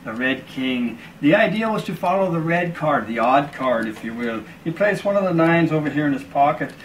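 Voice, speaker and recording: A magician telling a story as patter while doing a card trick, in a slow, deliberate storytelling manner. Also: male voice, on the high side, lively intonation, distant mic, slight background noise, low-quality recording.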